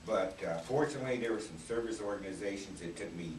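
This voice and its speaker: Deep-voiced older man, reflective and halting. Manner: reflective, halting, many fillers. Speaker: Vietnam veteran panelist. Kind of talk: radio roundtable talk. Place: small radio studio. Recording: roomy, distant camera audio with faint noise.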